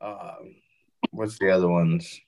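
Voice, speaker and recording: A man's voice: low-pitched, fairly even intonation, slow, gravelly, darkish tone, poor audio. A man hosting a casual chat over a video call, swearing freely and laughing often. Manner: profane, laughing, rambling.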